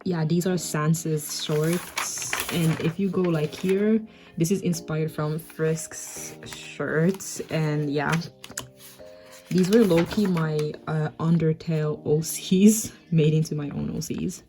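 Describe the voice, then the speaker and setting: A woman's voice: low-pitched, steady tone, takes it slowly, music in the background. A woman talking through her old comic in a casual voice-over, rambling and self-mocking, with lots of 'like'. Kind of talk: casual art commentary voice-over.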